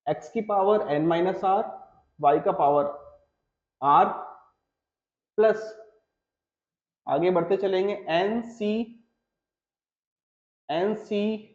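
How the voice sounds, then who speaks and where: A male math teacher from India giving a classroom lecture, working through each step as he writes and checking in with his students. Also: high voice. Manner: talks through steps while writing, pauses on each term; reassuring, checks in with "theek hai". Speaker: mathematics teacher. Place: coaching classroom. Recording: echoey room, slightly dull sound.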